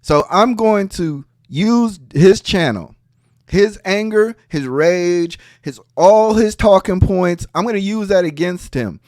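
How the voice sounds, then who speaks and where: A man's voice: high-pitched, lively intonation, slow pace, darkish tone, no echo, clean studio sound. A man hosting a podcast, giving heated casual commentary in a profane, mocking way. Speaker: podcast host.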